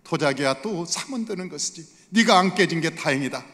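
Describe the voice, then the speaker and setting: A man preaching, voicing the father of an only son in a sermon story, in a bright voice with long church reverb. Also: a little high, animated, a little fast. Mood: reassuring.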